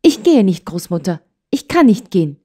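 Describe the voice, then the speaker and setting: A woman's voice: mid-range voice, normal speed, slightly rough, pitched above the performer's own voice. A woman voicing a hot-tempered, stubborn young girl in an audiobook, talking in eager, pleading outbursts. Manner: excited, pleading, tearful outbursts. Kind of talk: audiobook character voice.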